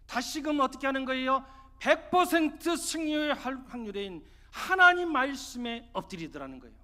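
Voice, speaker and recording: A man's voice: extremely high pitch, big pitch swings, normal speed, pushed and bright. A man preaching a sermon as pastor, pressing his points with rhetorical questions to the congregation. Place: church sanctuary. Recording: long church reverb.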